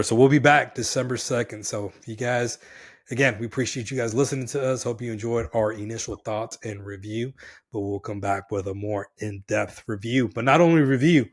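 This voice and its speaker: A male podcast co-host with a slightly low voice gone hoarse, chatting casually. He talks with energy, often tossing in brother and man. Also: level tone, brisk.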